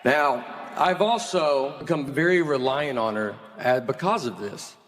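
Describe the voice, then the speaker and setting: A man in his forties from the American South, doing a stand-up routine in a deadpan, slow, bemused storytelling manner. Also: mid-range voice. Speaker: stand-up comedian. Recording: live theater with audience laughter.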